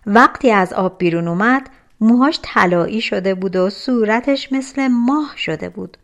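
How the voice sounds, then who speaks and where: A woman narrates a folk tale for an audiobook. Her pitch sits in a middle range, and she tells the story in a gentle, even way with scripted storybook pacing. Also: highs cut off.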